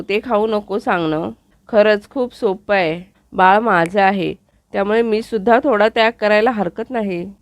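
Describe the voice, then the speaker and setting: A woman's voice: medium pitch, no echo, close to an everyday voice. Woman reading an earnest pregnant young wife, explaining steadily, dry close sound.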